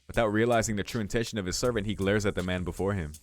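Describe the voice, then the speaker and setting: Reading visual novel text aloud for a let's play, this man talks rapid-fire in a fairly low, fairly even voice and adds offhand remarks. Game music sits in the background.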